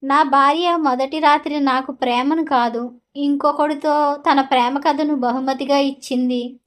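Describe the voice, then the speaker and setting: A woman's voice: high-pitched, steady tone, measured pace. A woman voicing a betrayed young husband who hurls angry accusations in a story reading. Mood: furious. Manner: accusing outbursts.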